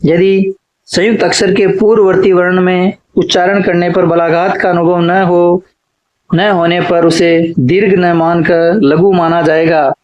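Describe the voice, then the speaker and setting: A man teaching an exam-prep lecture, stating each rule and then repeating it slowly, as if dictating notes. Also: high-pitched, muffled recording. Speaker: Hindi literature teacher.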